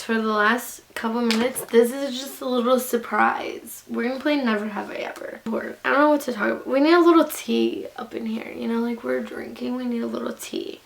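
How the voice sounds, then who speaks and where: A woman's voice: a little high, vocal fry, a little hiss or hum, low-quality recording. A young woman vlogger chatting casually to camera in a giggly, tipsy ramble, blunt and full of swearing and slang. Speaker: beauty vlogger.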